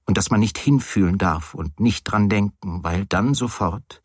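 A man with a low, slightly husky voice reads a literary novel in the first person. His telling is wry and hesitant, and he gives the dialogue quiet, understated voices. The recording is close and dry, with no room sound. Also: no echo. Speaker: audiobook reader. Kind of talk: literary audiobook narration.

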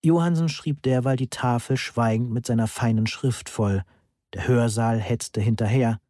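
A man reading a German audiobook in first person, with a measured, wry delivery. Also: medium pitch, fairly even intonation, dark tone, no echo, studio quality. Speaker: audiobook narrator.

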